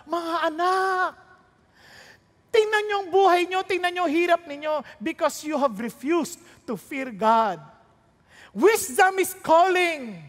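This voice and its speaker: A woman's voice: sits high, in a large hall. A woman pastor preaching a sermon, throwing rhetorical questions and jokes at the congregation while mixing Tagalog and English.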